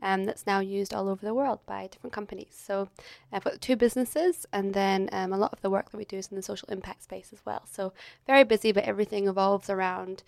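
A woman's voice: mid-range voice, steady tone, fast, gravelly, a little mellow, dry recording. A Scottish woman in her thirties, telling stories as a chatty interview guest who laughs often. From Scotland. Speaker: guest, agency director. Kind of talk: casual interview chat. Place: hotel.

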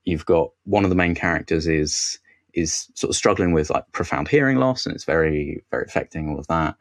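Podcast guest critic, male, very low voice, dry close sound, wry and halting. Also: no room sound. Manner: enthusiastic, wry, halting with restarts. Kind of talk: casual podcast chat.

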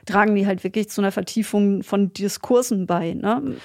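Woman, podcast host, conversational, dry studio sound, mid pitch. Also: moderate pace, darkish tone, no echo.

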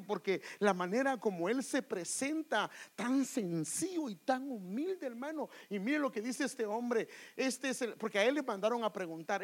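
A man preaching a sermon, calling his listeners brother, dropping to hushed whispers and building to loud, fervent climaxes. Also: sits high, poor audio.

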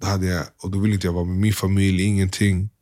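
A young man speaks in a fairly low voice, quietly and haltingly. He retells his story in loose everyday slang and acts out what people said. He is a guest being interviewed. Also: little pitch movement. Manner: subdued, halting, slangy retelling with quoted dialogue. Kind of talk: candid personal storytelling.

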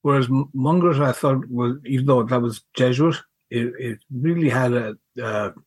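A middle-aged man, reminiscing casually in a halting, wry way and repeating words as he goes. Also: medium pitch, husky, dry recording. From County Mayo, Ireland. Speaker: podcast guest, school alumnus.

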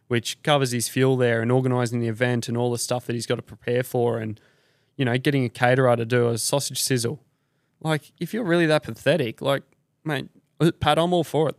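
A man's voice: medium pitch, no room sound, clean studio sound. An Australian man hosting a podcast, ranting casually with blunt, sweary slang. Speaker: podcast host.

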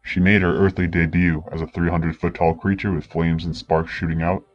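A man putting on a booming, unnaturally deep otherworldly announcer who hails mortals in a mock-ominous tone. The pitched-down voice sits very low and stays flat, with little rise or fall. Faint music plays underneath on a slightly dull, lo-fi recording. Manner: mock-ominous theatrical introduction. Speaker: podcast host.

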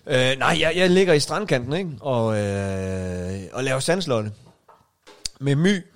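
A man's voice: medium pitch, animated. A man co-hosting a podcast, telling a long story in casual chat with lots of fillers and restarts. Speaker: podcast co-host.

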